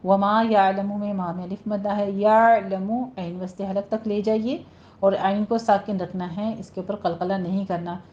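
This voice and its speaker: A woman gives a Quran recitation lesson in a warm, relaxed voice. She stretches each word out slowly as she demonstrates it, then speeds up to explain the rule. The recording is dull and lo-fi. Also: mid-range voice. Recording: dull lo-fi sound.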